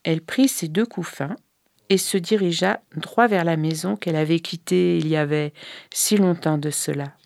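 A woman reading a folk tale aloud in a calm, measured way. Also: on the low side, gravelly, no room sound, clean studio sound. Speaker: storyteller.

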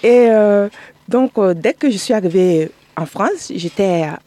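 A woman's voice: medium pitch, expressive, a little slow, dark tone, no room sound. A middle-aged woman from Burkina Faso, a guest telling her story in a chatty way in a radio studio interview.

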